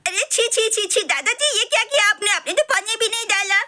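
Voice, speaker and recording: A desperate little boy, voiced by a woman, whiny and pleading. The voice sits very high and sounds sharp and bright. It is urgent from start to end, like a child in a homemade doll story. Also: expressive, brisk, exaggerated voice. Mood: disgusted. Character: young boy, impatient and desperate.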